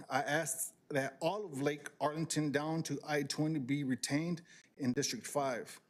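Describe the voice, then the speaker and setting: A man reading a prepared public comment at a city council meeting, measured and halting with fillers. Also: on the high side.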